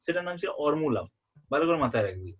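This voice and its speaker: A young man tutoring a student for an exam in a relaxed way. He often checks that the student is following and repeats the key terms. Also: on the high side, rapid-fire, slightly rough. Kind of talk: informal exam-prep lesson. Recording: muffled lo-fi audio.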